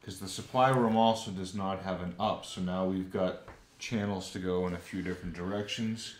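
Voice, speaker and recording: Brief: low-pitched man, casual game explainer, echoey room with faint background noise. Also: steady tone, normal speed. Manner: walks through rules step by step, thinking aloud. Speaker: game designer explaining a board game.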